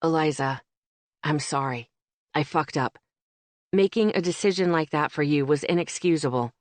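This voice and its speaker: A woman voicing a suave, confident businessman who teases and then apologizes, with a lowered, smooth voice in an audiobook. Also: fairly quick, a little mellow, dry recording, lightly acted. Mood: sincere.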